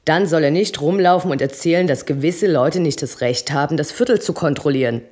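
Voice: medium pitch, a little fast, darkish tone, close to an everyday voice. A reader voicing a brutal, hulking man who taunts and bellows at a younger rival in a bar. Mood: sneering.

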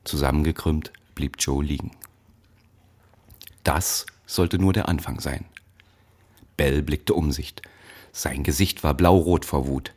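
A man narrates a story in a measured, dramatic audiobook style. His voice sits extremely low and deep. He reads the tense scenes steadily. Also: steady tone, a little mellow, slightly rough.

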